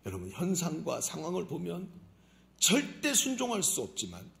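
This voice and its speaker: A male pastor in middle age preaches with a wide, lively pitch range and a slightly high voice. His tone is gravelly. He jumps between loud exclamations and near-whispered asides as he acts out voices. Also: moderate pace. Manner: animated preaching, acts out voices of God and believers, swings from loud to hushed. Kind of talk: sermon.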